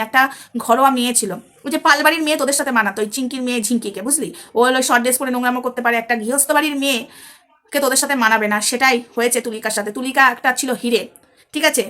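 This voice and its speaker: A woman's voice: high-pitched, sharp tone. A woman talking straight to her viewers in a heated commentary vlog, scolding and angry. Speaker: social media commentator.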